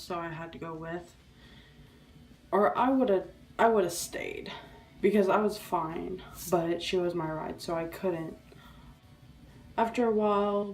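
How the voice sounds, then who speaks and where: A young woman recounting a story in a casual vlog, her voice sitting on the lower side for a woman. She rambles excitedly, stops and restarts often, and fills gaps with "like" and "um". She sounds a little way off from the microphone. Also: distant mic, low-quality recording. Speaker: vlogger.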